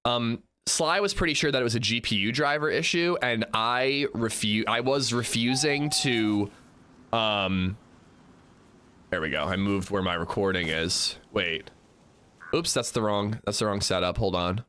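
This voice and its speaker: Unhurried and a bit stuffy-sounding, a livestreamer talks casually to his audience, alternating upbeat shout-outs with low mumbles.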